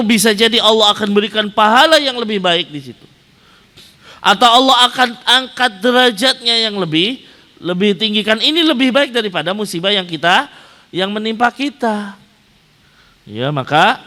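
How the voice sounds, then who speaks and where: Male preacher, fairly high voice, lively sermon delivery full of rhetorical questions, recorded in a hall with long reverb. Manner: animated storytelling, rhetorical questions to the audience. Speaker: Islamic preacher.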